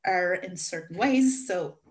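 A woman's voice: lowish voice, expressive, takes it slowly. A woman with a Hungarian accent, a native Hungarian speaker, explaining things emphatically in a casual discussion.

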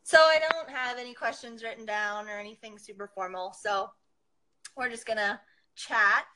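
Young female interviewer, very bright voice on the high side, playful and informal. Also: normal speed, poor audio. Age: young adult. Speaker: host, interviewer. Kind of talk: casual chat. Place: video call.

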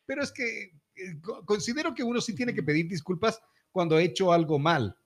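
A man hosts a casual podcast chat. His voice sits a little high, and he talks at length, hesitating often and restarting his sentences. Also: brisk.

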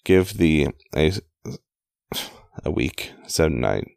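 Gruff grieving outlaw, read by a man in his own very deep, gravelly voice. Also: sing-song, slow, a little mellow, no echo, studio quality, heavily acted. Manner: plain read-aloud delivery, stumbles on old wording.

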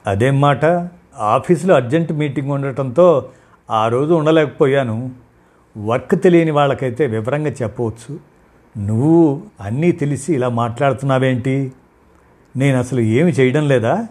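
A proud working wife, quick to anger, her voice raised high and loud with a breathy rasp. She argues indignantly and will not back down, as a male storyteller puts her on. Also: expressive. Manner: shouting, indignant, heated. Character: angry young working wife, proud, sharp-tongued.

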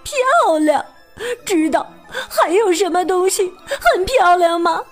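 A woman's voice: very high voice, lively intonation, slow, faint music behind, voice pushed up, exaggerated voice. A woman voicing a fragile female hippo in a storybook, who sobs and wails her hurt complaints. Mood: sobbing, wounded. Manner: sobbing, wailing complaints.

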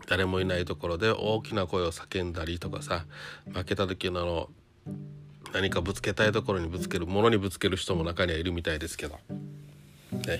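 A man giving a casual solo monologue to viewers, chatty and full of rhetorical questions and little tag fillers. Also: low-pitched. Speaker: trader talking to viewers. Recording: guitar music under the voice.

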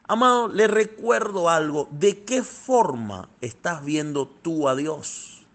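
A man preaching a fervent sermon, calling his listeners beloved and swinging between soft passages and loud, thundering ones. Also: fairly high pitch, expressive, slow pace. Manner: fervent, addresses listeners as "amado".

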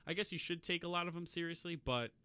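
A man's voice: a little high, fast talker, pushed and bright, smooth. A young man co-hosting a podcast, talking in a hesitant, rambling way and laughing often. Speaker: podcast co-host. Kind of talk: casual chat.

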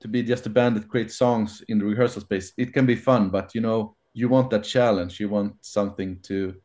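A man guesting on a podcast, talking about his band in a hesitant, unhurried way with many fillers and restarts. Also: lowish voice, fairly even intonation, a little mellow. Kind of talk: casual interview answers.

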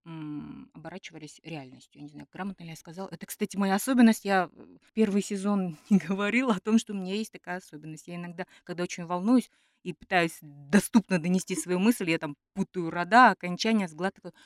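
A woman's voice: on the low side, fast, no room sound, clean studio sound. A woman co-hosting a podcast in a conversational style, sometimes hesitantly searching for her words. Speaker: podcast co-host. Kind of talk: conversational podcast discussion with read-out quotations.

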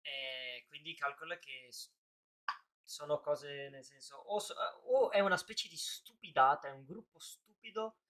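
A man's voice: fairly high pitch, unhurried, a bit bright. A man in casual live-stream talk, thinking aloud in long rambling answers full of restarts.

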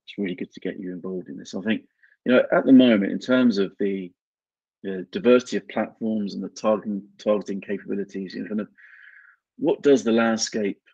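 Over a remote call, a podcast host from England chats casually with his interview guest in a lowish, steady voice that is gravelly, warm and husky. His speech halts often, full of fillers and restarted sentences. There's no room sound, and the call audio is dull and lo-fi.

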